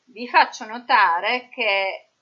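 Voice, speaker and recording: A woman with an Italian accent and a fairly high voice teaches English verbs in a recorded grammar lesson, drilling each form slowly and methodically. The recording is muffled.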